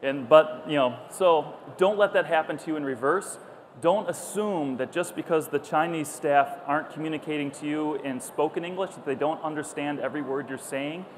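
A middle-aged man, a company founder speaking at a conference, tells anecdote after anecdote in a chatty, animated way, voicing the dialogue himself. His pitch sits fairly high and his pace is moderate. He speaks from a stage at a bustling trade show through a clipped lapel mic, recorded clearly over the event hall's background noise.

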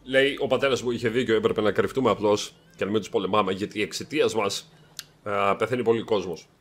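A man's voice: lowish voice, fairly even intonation, a bit bright, slightly rough. Young man, gaming host, let's play commentary, playful and joking.

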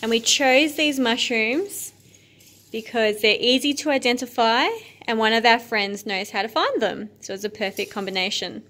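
A woman's voice: on the high side, a bit bright. A woman in her thirties talking casually to a phone camera held at arm's length in her home kitchen, cheerful about what she has gathered. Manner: chatty, enthusiastic about the haul. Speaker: homesteading vlogger. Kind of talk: casual vlog narration.

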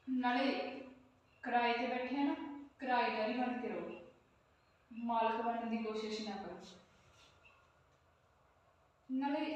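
A woman's voice: a little high, darkish tone, lo-fi sound, close to an everyday voice. Snappish secretive landlady, woman acting. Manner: snappish, defensive. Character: secretive landlady, sharp-tongued and suspicious. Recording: echoey room, voice from far off.

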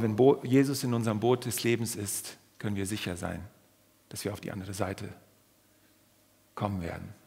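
Husky-voiced man preaching in a reverberant church. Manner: lively, dramatic, acts out quoted voices with pitch jumps. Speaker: guest preacher. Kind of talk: sermon. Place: church hall.

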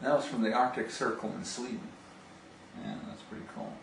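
In a small indoor home office, a middle-aged video phone sales representative casually demonstrates a product and talks on a call, gushing with enthusiasm. His voice is mid-range, creaky and fairly quick. A camera positioned a few steps away picks him up, producing distant, roomy audio with hiss.

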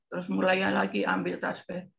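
A woman in her eighties telling lively stories with laughter as a guest on a talk show. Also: fairly low pitch, moderate pace, vocal fry, lo-fi sound. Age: 80s. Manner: lively, laughing, mimics singing scales. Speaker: guest entertainer. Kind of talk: casual talk show storytelling.

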